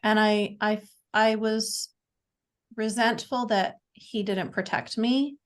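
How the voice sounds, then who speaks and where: A Canadian woman in her forties appears as a podcast guest in a casual interview, speaking haltingly with lots of fillers and restarts. Her voice is medium-pitched and her tone stays steady.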